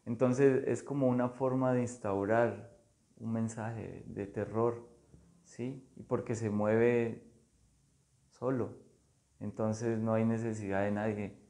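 A low, gravelly-voiced man talks unhurriedly in an artist's studio. His tone is dark and mellow, and his delivery stays flat and halting, full of fillers. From Colombia. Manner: slow, thoughtful, halting with many fillers. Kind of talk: casual conversation about art.

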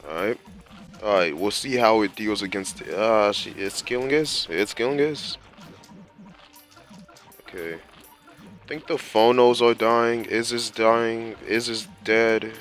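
A man's voice: lowish voice, slow pace, long pauses, fairly bright tone. A young man giving casual, rambling gameplay commentary as a channel host, exasperated and slangy. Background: faint game music.

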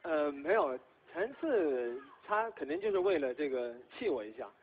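A lively, high-pitched young man talks on a concert stage, his voice rising and falling as he jokes and laughs. The sound is thin and phone-like, with a faint hiss underneath. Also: moderate pace. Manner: animated, laughing, teasing. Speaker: singer guest on stage. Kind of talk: playful stage chat.

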